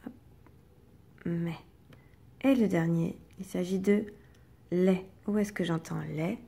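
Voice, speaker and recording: A woman teacher, slowly and patiently guiding young children through reading exercises and sounding out each syllable. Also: on the low side, creaky, dark tone, slightly rough.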